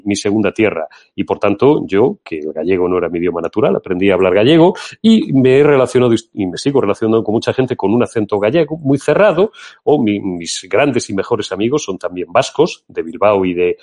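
A man's voice: fairly low pitch, expressive, fairly quick, a little mellow. A middle-aged man from Spain with a Castilian accent, talking politics on an opinion show in an emphatic, indignant, rhetorical way. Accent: Castilian Spanish. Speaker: political commentator.

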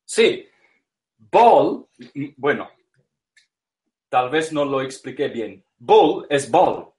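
A man whose first language is English, lecturing slowly in a second language, repeating words and searching for terms as he explains. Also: mid-range voice, animated, a little mellow.

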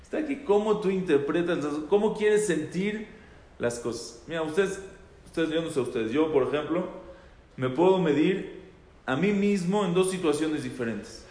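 A man, voice on the higher side, gives an informal religious class to a group. He repeats phrases for emphasis and often turns questions back to his listeners. The room is roomy, with reverb that trails long after each phrase. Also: normal speed, a little mellow. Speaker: rabbi teaching a class. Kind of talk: informal Torah talk to a group. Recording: echoey hall with long reverb.

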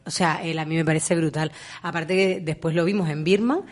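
A woman's voice: low-pitched, fairly even intonation, fairly quick. A woman, co-hosting a podcast, talking in a chatty way and laughing often. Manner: chatty, laughs often, says ¿sabes? a lot. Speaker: podcast co-host. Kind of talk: casual chat.

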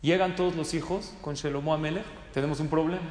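Male rabbi-teacher, high voice, storytelling lecture style, recorded in a reverberant hall. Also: fairly even intonation, quick pace, a little mellow. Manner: storytelling, poses questions to the audience. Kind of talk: religious study lecture. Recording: echoey hall.

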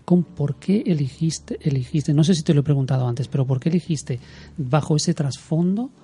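Very dark-voiced interviewer man. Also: fairly high pitch, breathy edge. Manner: halting questions with many restarts. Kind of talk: casual interview.

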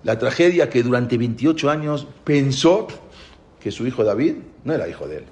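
A man telling a religious story dramatically, swinging between loud and hushed and weaving in Hebrew religious terms. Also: mid-range voice, sing-song, moderate pace. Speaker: religious teacher.

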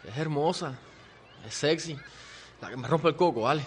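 A man's voice: on the high side, moderate pace, natural voice. Naive lovesick teen boy, earnest, noisy backdrop, voiced by an actor.

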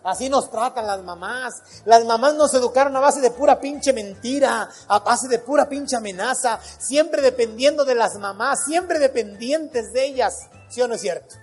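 A man's voice: extremely high pitch, slightly rough, faint music behind. A man with a Mexican accent doing adult stand-up comedy, telling crude stories full of swearing. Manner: crude, swearing, rapid storytelling.

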